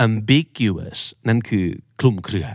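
A young man hosting a podcast vocabulary lesson, explaining words slowly, repeating them and quizzing listeners on which syllable takes the stress. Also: lowish voice, lively intonation, darkish tone, no room sound, clean studio sound. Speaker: English vocabulary teacher.

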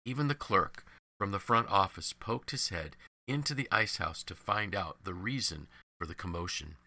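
A man reads a devotional story in a measured, earnest way. His low voice has a sharp, forceful edge. The recording is dry and close, with no room sound. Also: no echo. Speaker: devotional narrator.

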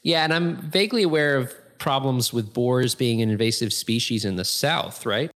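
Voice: mid-range voice, normal speed, a bit bright. A podcast co-host in a casual chat who reacts with wry, dry humor.

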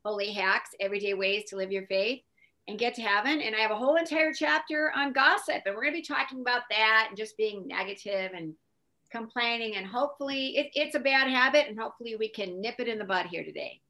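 A woman's voice: on the high side, fast talker, bright, forceful tone. A middle-aged woman, speaking conversationally as a guest author introducing herself.

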